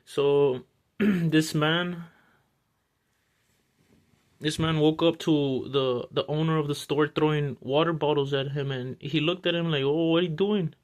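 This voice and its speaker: Male storyteller, a bit high-pitched, rambling casual delivery. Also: steady tone, slow pace, long pauses. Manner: rambling, full of restarts and fillers.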